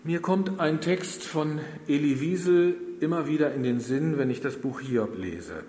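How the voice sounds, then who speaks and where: A man preaching a sermon in a slow, earnest manner, addressing his congregation directly. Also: on the high side, darkish tone, roomy sound, long reverb tail, a little hiss or hum. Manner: slow, earnest delivery with long pauses.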